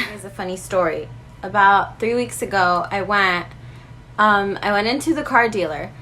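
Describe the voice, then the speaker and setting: A woman's voice: mid-range voice, a bit bright. A woman in her twenties talking animatedly to the camera in a casual skincare vlog, slipping in Spanish phrases now and then. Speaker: beauty vlogger.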